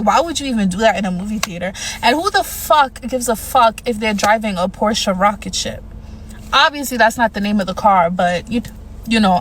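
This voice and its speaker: A young adult woman telling a dating horror story in a casual, animated way, emphatic and profane, with mounting indignation. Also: mid-range voice, slight background noise, poor audio. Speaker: storyteller vlogger.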